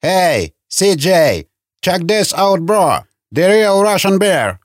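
A man's voice: very high voice, huge pitch swings, takes it slowly, slightly rough, no echo, studio quality, voice pushed up, exaggerated voice. A man doing a squealing hot-headed guard. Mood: shrieking angry. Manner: squealing, shouting broken English. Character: hot-headed male guard, shrieking and threatening.

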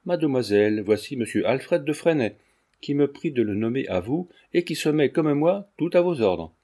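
A man reading the part of a brave, decisive young gentleman who speaks firmly and brusquely, in an audiobook. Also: medium pitch, lively intonation, moderate pace, lightly acted. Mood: courteous. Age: young adult. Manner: firm, brusque.

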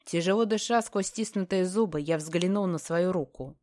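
A woman narrating a first-person fantasy audiobook with a fairly low voice, telling it tensely and dramatically. The sound is dry and close, with no room around it. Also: normal speed, darkish tone, no room sound.

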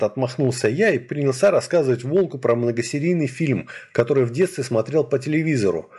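A man narrating a first-person story in an expressive storytelling manner. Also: medium pitch, slightly rough. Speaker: audiobook narrator.

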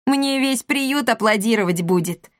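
A woman's voice: a little high, lively intonation, measured pace, no room sound, studio quality, voice pushed up. A woman voicing a cheeky orphan boy.

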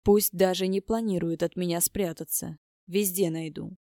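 A brisk, sarcastic young woman gives orders in a low, dark voice, as a woman reads her part. Her sarcasm is plain and bossy. It is read dry and close, like a storybook. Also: fairly even intonation, no echo, lightly acted.

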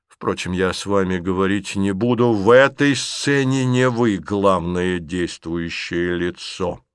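A man's voice: low-pitched, no room sound, studio quality, full character voice. A man voicing a stern, tormented nobleman who speaks with cold, restrained bitterness.

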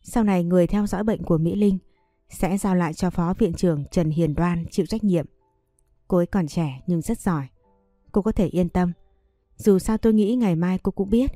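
A woman voicing an older woman doctor near retirement, who speaks in a calm, measured way. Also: fairly low pitch, no room sound, clean studio sound, faint music behind, natural voice.

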